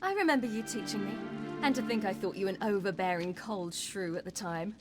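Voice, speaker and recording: A woman's voice: mid-range voice, animated, a little fast, over music, close to an everyday voice. A young woman playing a frank, spirited swordswoman in a video game.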